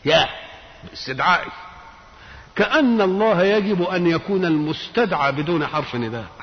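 A man's voice: high-pitched, lively intonation, a little fast. Egyptian man doing quran commentary, mixes colloquial and classical, gets emphatic, muffled lo-fi old tape. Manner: explains patiently, mixing Egyptian colloquial with classical recitation; voice rises sharply on emphatic points. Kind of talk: religious lecture explaining Quran verses. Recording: dull lo-fi archive tape with faint hiss.

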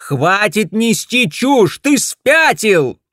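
Storybook wife: man putting on a shrill, bossy middle-aged woman, high and forceful, dry sound. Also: very animated, unhurried, dry recording. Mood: scolding. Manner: scolding, shrill, commanding.

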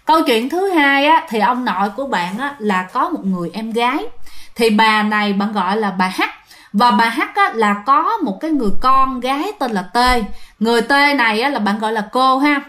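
Chatty woman telling ghost stories. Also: normal speed. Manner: chatty, addresses listeners directly, lively pitch swings. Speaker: ghost story narrator. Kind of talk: casual spoken storytelling.

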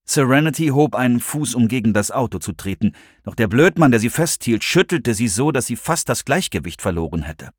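Male audiobook narrator, lively varied intonation, expressive storytelling, dry close recording. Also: mid-range voice, a little fast, hardly any pauses, breathy edge, no echo. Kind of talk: scripted narration.

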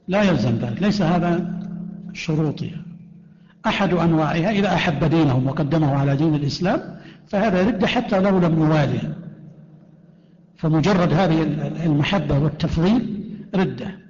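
A man's voice: on the high side, a little mellow. A man teaching a creed class as a sheikh, reading out written questions and answering each in short, firm statements. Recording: echoey lo-fi hall recording.

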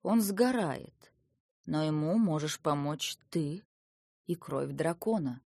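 A serene old hermit sage, as a woman reader puts him on speaks slowly and solemnly, never hurried. His voice sits somewhat low and sounds dry and close. This is storybook narration. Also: dry recording, exaggerated voice. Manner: slow, solemn, calm pronouncements.

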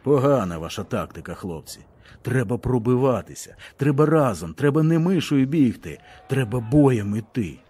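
A man voicing a wounded male soldier who speaks calmly and wryly, in a low, feverish voice. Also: normal speed, breathy edge. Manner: calm, low, wry. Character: wounded calm male soldier, weary and ironic.

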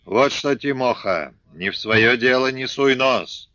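A man reading an audiobook, voicing a gruff, domineering old peasant father who shouts abuse. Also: mid-range voice, measured pace, dry recording, muffled recording. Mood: scornful. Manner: shouting, abusive.

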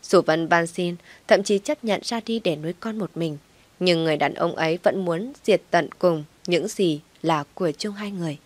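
A woman narrating a story in a steady, somber reading voice. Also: on the low side, normal speed, no room sound.

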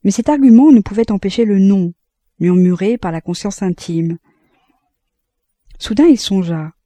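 A woman narrating an audiobook of a classic novel in a calm, measured way, close to the mic. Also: mid-range voice, dry recording. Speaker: audiobook reader.

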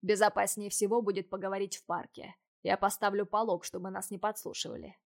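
A woman reading the part of a young male battle-mage captain in an audiobook, calm, direct and softly teasing. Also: medium pitch, a little fast, vocal fry, close to an everyday voice.

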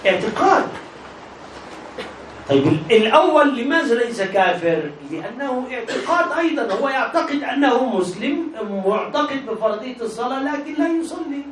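Egyptian male teacher, high-pitched, quizzing style, distant and echoey. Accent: Egyptian Arabic. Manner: quizzes students with prompting half-questions. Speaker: religious teacher. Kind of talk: classroom lesson on jurisprudence. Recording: echoey room, distant mic, faint hiss.

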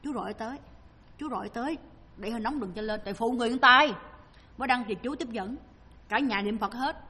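A woman with a Southern Vietnamese accent tells a dharma story, slipping into the voices of her characters as she goes. Her voice sits fairly high and sounds breathy. It rings out with a long hall reverb. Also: quick pace. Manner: lively storyteller, acting out the people she quotes. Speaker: Buddhist dharma speaker.

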